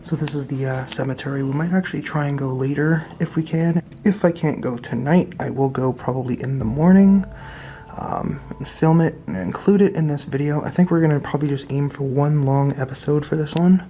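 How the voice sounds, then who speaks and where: A man giving a casual vlog tour in a hushed, low-key way that often drops toward a whisper, speaking indoors as an investigator and host. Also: a little fast, slight background noise. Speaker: paranormal investigation vlogger, host. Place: indoors in an old house.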